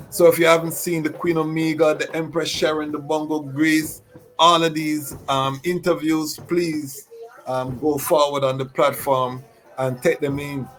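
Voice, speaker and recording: A man's voice: on the high side, low-quality recording. A man hosting a talk show, introducing his guest with formal, ceremonial phrasing and frequent fillers. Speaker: host.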